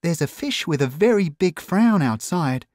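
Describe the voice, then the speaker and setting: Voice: mid-range voice, wildly swooping pitch, normal speed, a little mellow, dry recording, clean studio sound. A reader voicing a concerned female dog crew member in a children's storybook, speaking earnestly. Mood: worried. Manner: worried, earnest.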